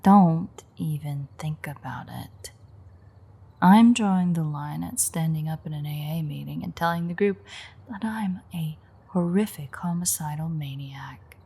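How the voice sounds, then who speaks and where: The sardonic vampire mechanic returns, a man-eater voiced by an actress in an intimate one-sided roleplay, sounding defensive and wry this time. She keeps a measured pace and a full character voice, lowish and dark, husky, gravelly and breathy, with a dry, teasing, sarcastic edge.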